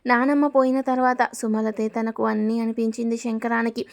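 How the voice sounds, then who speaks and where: Even-voiced woman narrating a story. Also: fairly high pitch, a little fast. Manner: plain, steady storybook narration that voices the characters' lines itself. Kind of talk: reading a serialized story aloud.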